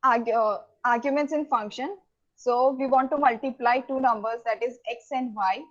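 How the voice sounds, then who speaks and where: Woman, programming lecturer, halting delivery full of fillers, slightly high voice, dull lo-fi recording. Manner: halting, many fillers and restarts. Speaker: programming teacher. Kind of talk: lecture over slides.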